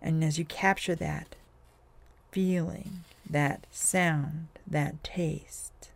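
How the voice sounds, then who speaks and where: A man with a gravelly, creaky edge to his voice leads a hypnosis session at a very unhurried pace. His phrasing is soothing and drawn out, and it often sinks into a soft, breathy whisper. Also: on the high side, steady tone, no room sound. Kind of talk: guided hypnosis script.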